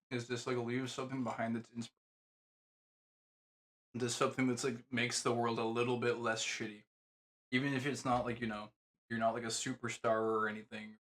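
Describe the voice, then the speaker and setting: A man's voice: medium pitch, a bit bright, poor audio. A man streaming a reaction to a video, rambling casually and swearing often. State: talking with food in his mouth.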